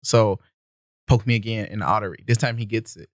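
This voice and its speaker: A man's voice: on the low side, brisk, no echo, studio quality. A young man, a podcast guest, telling stories in a loose, laid-back way, laughing often. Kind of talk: casual storytelling. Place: podcast studio.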